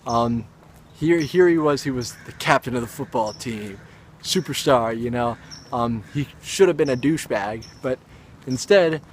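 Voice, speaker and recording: Young adult male actor, casual vlog storyteller, mid-pitched, rambling and self-aware, faint room noise. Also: a little slow. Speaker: actor and vlogger.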